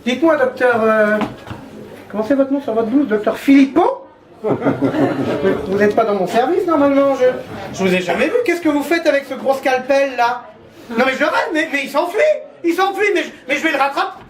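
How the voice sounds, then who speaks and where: A man's voice: extremely high pitch, expressive, normal speed, crowd noise. A male comedian performing a stand-up sketch, playing a pompous TV doctor with theatrical asides. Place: stage before a live audience. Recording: echoey hall with live audience laughing.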